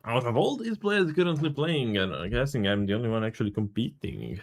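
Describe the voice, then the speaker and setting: A man's voice: mid-range voice, very animated, a little fast. A man from Serbia, casually commentating a live game stream, greeting chat and swearing freely.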